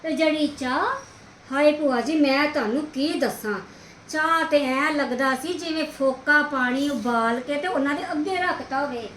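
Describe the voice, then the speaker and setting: A woman's voice: high voice, normal speed, fairly bright tone. A woman playing a fussy young daughter-in-law in a homemade family drama, complaining with wailing drama. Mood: aggrieved. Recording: echoey room, faint hiss.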